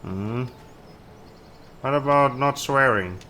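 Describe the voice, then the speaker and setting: A man's voice: mid-range voice, takes it slowly, bright, forceful tone, slight background noise. A man hosting a multiplayer game stream, reading viewer messages aloud and teasing his co-players in casual chat. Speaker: stream host.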